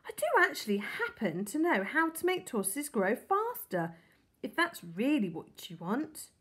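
A polite, bashful older gentleman who speaks solemnly and carefully, as a woman reading a story voices him. The voice is slow and lightly breathy, with a lively lilt. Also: a little high, heavily acted. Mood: eager. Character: shy, lovesick older man, polite and quiet.

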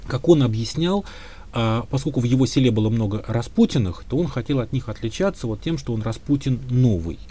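A man's voice: medium pitch, lively intonation, a little fast, mellow, slight background noise. A man being interviewed as a history expert, answering at length in a thoughtful, hedging way with frequent filler sounds. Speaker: historian guest.

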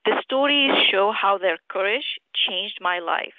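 A middle-aged woman from Syria, a physician and author, answering interview questions over the phone in a measured, earnest way. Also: medium pitch, animated, no echo. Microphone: telephone. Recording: tinny phone line.

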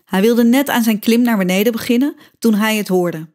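A woman reading a children's story aloud as scripted narration, expressive and lively, voicing the characters' cries. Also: on the high side, a little fast. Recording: music bed behind voice.

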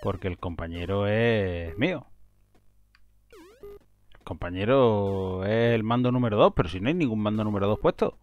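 A man giving casual, excitable commentary while playing a video game, breaking into frustrated outbursts. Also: lowish voice, moderate pace, pauses often, highs cut off, faint music behind. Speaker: gaming video host.

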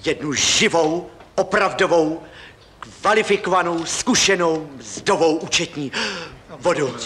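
A man's voice: a little high, lively intonation, fairly bright tone, a little hiss or hum. An actor in a 1970s film comedy playing an eager, somewhat sheepish employee reporting to his boss.

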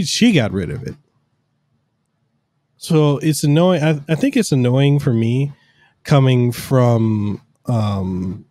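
Recorded dry on a studio arm mic with headphones at home, a man co-hosting a podcast chats casually and wanders through long, filler-heavy explanations. His voice is mid-range with a darkish tone.

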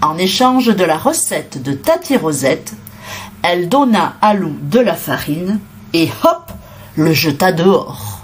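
A woman narrating a children's picture book in an expressive, sing-song way. She reads slowly and lets her voice rise and fall widely. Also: lowish voice, slight background noise. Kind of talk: reading a children's storybook aloud.

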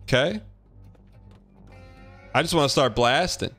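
A man's voice: mid-range voice, a little slow, a bit bright. A man doing casual live game commentary as a streamer, with slangy, chatty asides. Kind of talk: casual live game commentary, reading chat and on-screen text. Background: game music.

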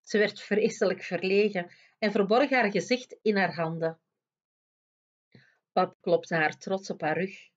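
Een vrouw die een kinderboek hardop en expressief voorleest. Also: female voice, mid-range voice, unhurried, long pauses, muffled recording. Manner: expressive, lively storytelling. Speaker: storyteller reading aloud. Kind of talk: reading a children's book aloud.

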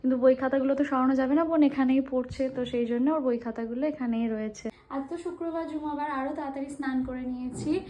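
A woman's voice: sits high, fairly even intonation, fast talker, dark tone. A young woman narrating her family day at home to camera in a casual, chatty vlog style, talking to her viewers as guys. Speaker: family vlogger.

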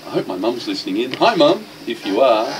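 A man's voice: lowish voice, fast talker, far from the mic, a little hiss or hum, low-quality recording. A man hosting a radio talk show from a studio, bantering and teasing his guests. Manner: jokey, teasing.

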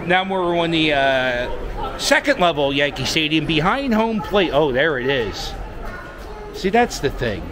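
A man in his forties vlogging as he walks through a baseball stadium, loud and excitable, shouting cheers. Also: fairly high pitch, measured pace. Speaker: vlogger and sports fan. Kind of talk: excited vlog commentary. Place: crowded baseball stadium concourse. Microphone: handheld camera at arm's length. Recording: loud crowd noise at a ballpark. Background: loud crowd and stadium noise.

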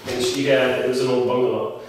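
A realtor in his forties gives a house tour, walking through empty rooms and chatting casually, a little hesitantly. His mid-range voice moves little in pitch and runs a bit fast. A camera mic a few metres away picks him up, so the bare rooms echo and the recording is distant and noisy.

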